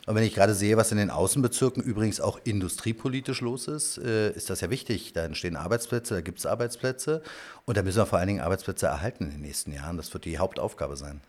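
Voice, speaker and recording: A man's voice: sits low, fast talker, a little mellow. A man from Berlin answering as a political candidate in an interview, telling anecdotes with frequent filler sounds.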